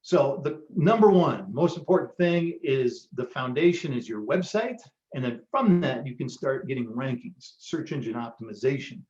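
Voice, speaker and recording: A man's voice: mid-range voice, lively intonation, moderate pace, darkish tone. A man hosting a live online marketing workshop, giving a motivational pep talk with frequent ums. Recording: roomy, dull lo-fi sound.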